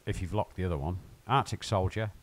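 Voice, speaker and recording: A man with a fairly low voice hosts a casual live game stream from home. He rambles and jokes with his viewers as he plays, drifting between chat and the game. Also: brisk. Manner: rambling, joking, talks to viewers while playing.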